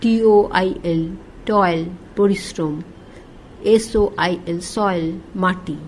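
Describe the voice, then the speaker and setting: A woman's voice: lowish voice, slow pace, a little hiss or hum, low-quality recording. A woman reading an English textbook aloud, spelling each word letter by letter, then saying it and giving its meaning. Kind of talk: slow spelling and pronunciation drill.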